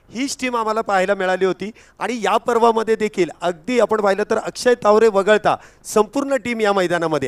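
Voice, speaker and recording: High-pitched excitable cricket commentator. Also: male voice, clear, resonant tone. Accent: Marathi. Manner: excitable rises on wickets and runs. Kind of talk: live match commentary.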